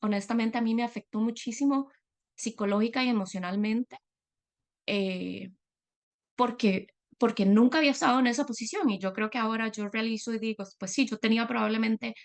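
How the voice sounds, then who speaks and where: Speaking as a guest, a middle-aged Latin American woman gives a reflective, earnest personal talk, often pausing on fillers. Her voice sits a little high with fairly even intonation and some vocal fry.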